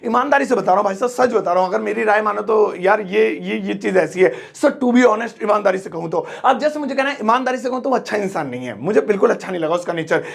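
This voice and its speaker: A man teaching in a lesson, repeating each phrase slowly and switching to quick, playful everyday examples. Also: high voice, animated, vocal fry. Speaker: English teacher. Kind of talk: spoken language lesson.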